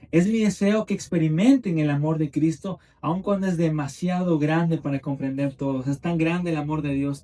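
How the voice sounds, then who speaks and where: A young man preaches with fervor, building his phrases through repetition. His voice sits fairly high but has a dark, mellow tone. He is heard from a distance, picked up by a mic in a church. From Ecuador. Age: 20s. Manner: fervent, repetitive phrasing with rising emphasis. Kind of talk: sermon.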